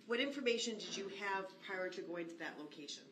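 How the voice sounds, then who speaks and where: In an echoey courtroom, a woman prosecutor questions a witness in a formal, methodical way. Her medium-pitched voice is a bit bright, brisk and lively in intonation, picked up by a distant mic with faint noise.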